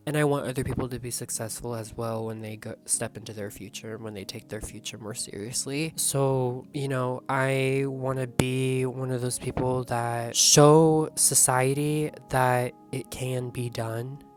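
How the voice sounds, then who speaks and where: A young woman vlogging casually, hoarse and coughing, rambling excitedly and swearing freely. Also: a bass voice, moderate pace, hardly any pauses. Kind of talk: casual vlog talk. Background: background music.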